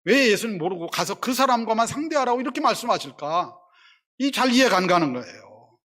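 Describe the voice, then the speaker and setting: A man's voice: high voice, very animated, brisk, a bit bright. A male pastor preaching a sermon in a conversational way, asking the congregation questions and acting out quarrelling voices in quotes. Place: church sanctuary.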